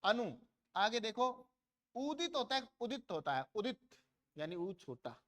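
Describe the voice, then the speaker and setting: A man from India teaches a grammar lesson in a high voice. He asks his students questions and answers them himself, repeating words to contrast their sounds. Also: big pitch swings, a little slow, a bit bright.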